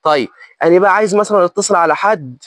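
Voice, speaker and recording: A man's voice: sits high, racing, fairly bright tone, no echo, clean studio sound. An Egyptian-accented man giving a casual tutorial as a vlogger, often asking and answering his own questions. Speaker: vlogger demonstrating his phone.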